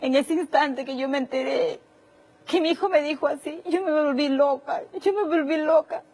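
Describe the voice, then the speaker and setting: A woman with a high voice gives emotional testimony in a television interview. She is distraught, circles back over the same words, and her voice keeps cracking into tears. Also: moderate pace, darkish tone, rough recording. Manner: distraught, repeating herself, voice breaking into tears. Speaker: interviewee, a mother.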